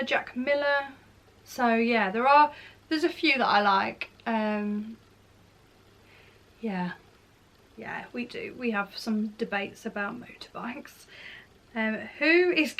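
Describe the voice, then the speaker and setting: A woman's voice: on the high side, takes it slowly, a bit bright. A woman of thirty chatting casually to camera in a Q&A vlog, rambling and correcting herself as she goes. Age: 30s. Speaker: beauty and lifestyle vlogger.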